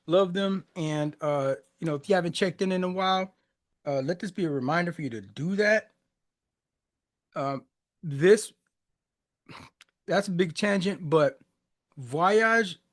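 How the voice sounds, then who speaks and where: High-pitched and speaking at a normal speed with frequent pauses, a man in his forties hosts a music reaction podcast. Born in Haiti and raised in the US, he chats casually and reflectively, laughing often, with a loose conversational style marked by many restarts and fillers.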